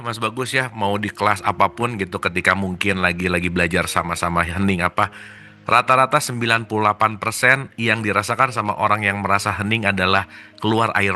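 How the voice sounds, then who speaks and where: A male host keeps the conversation loose and friendly, laughing easily and pressing his guest with follow-up questions. His voice has a very bright, forward tone. Soft music plays faintly behind him. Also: medium pitch. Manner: casual, chuckling, asks follow-up questions. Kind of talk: conversational interview.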